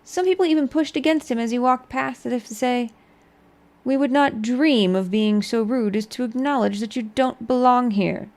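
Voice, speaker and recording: A woman's voice: fairly high pitch, normal speed, darkish tone. A woman narrating a storybook aloud as a game streamer.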